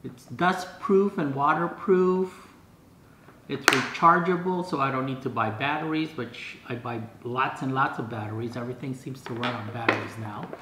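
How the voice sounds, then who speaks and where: A man in his sixties, speaking in a mid-range voice at a moderate pace, casually vlogs an unboxing indoors at his dining room table. He mulls things over aloud, reads bits out and sounds baffled at times. Audio from the camera across the table is clean, with a roomy echo.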